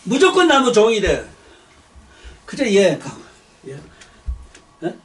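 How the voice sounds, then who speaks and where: Older preacher ranting bluntly. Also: male voice, high-pitched, wildly swooping pitch, takes it slowly, far from the mic. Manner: blunt, swears and rants, repeats words. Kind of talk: sermon.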